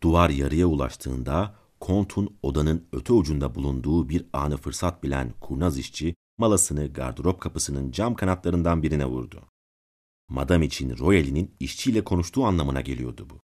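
Man, very deep voice, calm measured storyteller, audiobook narration. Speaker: audiobook narrator and channel host.

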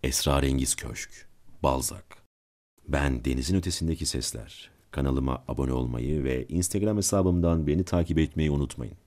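A man reading a classic story aloud as a channel's narrator, calm and measured. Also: a bass voice. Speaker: audiobook narrator and channel host.

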